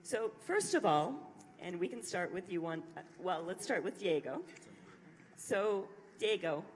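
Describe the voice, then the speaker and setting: Low-voiced woman moderating a conference panel. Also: expressive, a little hiss or hum. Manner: measured, asks long structured questions. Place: large conference hall. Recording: reverberant conference hall, faint ambience.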